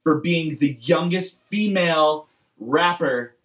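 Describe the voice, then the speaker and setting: A man's voice: on the high side, slow pace, distant mic. A man in his late twenties or early thirties from Massachusetts, co-hosting a podcast in casual, profane, exasperated chat. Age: late 20s to early 30s. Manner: animated, exasperated ranting. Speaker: podcast co-host.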